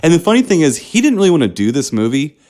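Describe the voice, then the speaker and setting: A man co-hosting a casual podcast about a movie, animated and acting out scenes in silly voices. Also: on the high side, fast. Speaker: podcast co-host.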